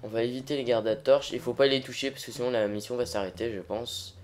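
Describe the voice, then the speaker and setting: A man's voice: medium pitch, steady tone, fast talker, a little mellow, a little hiss or hum. A man hosting a let's play, chatting informally and a little hesitantly to viewers as he improvises gameplay commentary.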